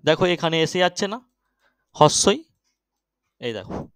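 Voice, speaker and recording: Man teacher, fairly high crisp voice, exam-prep lesson, keeps asking if it's clear, dry sound. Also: big pitch swings, dry recording. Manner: keeps checking understanding, urges quick answers.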